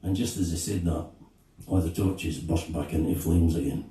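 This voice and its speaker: A Scottish man, a singer-songwriter, telling a story between songs at a live gig in a slow, halting, reflective way. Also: low-pitched, fairly even intonation, mellow. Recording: echoey room, distant mic, guitar behind.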